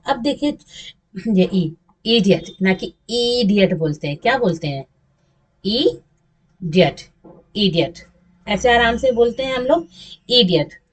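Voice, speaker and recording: A woman English teacher giving a slide lesson, patiently repeating and stretching example words. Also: a little high. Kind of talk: classroom lesson over slides.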